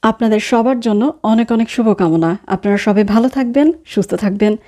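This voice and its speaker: A woman's voice: mid-range voice, brisk, mellow. A woman teaching a vocabulary lesson, saying each word twice, then translating it and explaining its spelling. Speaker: language teacher.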